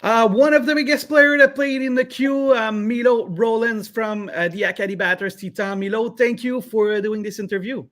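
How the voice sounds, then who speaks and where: A man hosting a live online interview, halting with many fillers and restarts. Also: very high voice, steady tone, a bit bright. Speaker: interviewer host.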